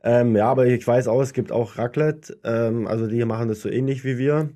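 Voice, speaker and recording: A young man from southern Germany, a professional ice hockey player, chats casually as an interview guest in a colloquial, self-deprecating way. He has a light Berlin accent and a brisk, mid-range voice with a dark tone.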